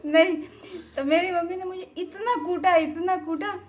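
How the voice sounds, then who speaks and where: A woman's voice: very high voice, steady tone, normal speed, a little mellow. A woman, telling a childhood story to camera at home and laughing often as she talks. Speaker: vlogger.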